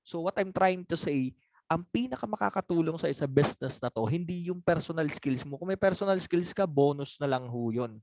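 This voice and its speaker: A man's voice: fairly high pitch, expressive, brisk, a little mellow, no room sound. Chatty man coaching on sales objections. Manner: conversational, laughs often, asks for agreement. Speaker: sales trainer. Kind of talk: training talk answering objections.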